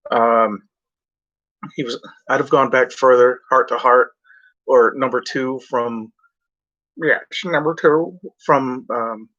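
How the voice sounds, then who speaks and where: Rambling man with a bright voice. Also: mid-range voice, fairly even intonation, slow pace, long pauses. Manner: meandering, off-script, swears freely. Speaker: vlogger. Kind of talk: rambling casual chat. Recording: dull lo-fi recording.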